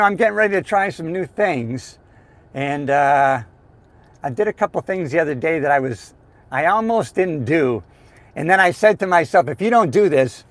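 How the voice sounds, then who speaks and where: A man's voice: sits high, dry recording. A man in his sixties hosting a live stream, chatting in an upbeat, motivational way. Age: 60s. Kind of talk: casual live-stream chat.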